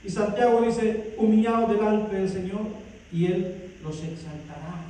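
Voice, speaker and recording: A male pastor preaching a sermon with fervor, swinging between loud calls and soft asides. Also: high-pitched, flat delivery, measured pace. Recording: echoey hall, distant mic, faint noise.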